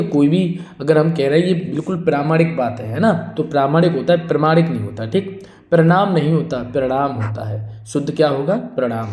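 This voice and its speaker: In a reverberant recording, a man with a fairly high, warm voice drills Hindi spelling for exams. He repeats every word, asks questions only to answer them himself, and addresses his students as friends and brother.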